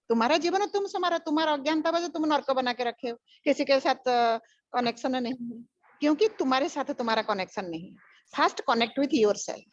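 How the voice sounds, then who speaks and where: A woman's voice: sits high, no echo. An older woman giving a spiritual teaching, emphatic and repetitive, mixing English phrases into her talk. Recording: dull lo-fi recording.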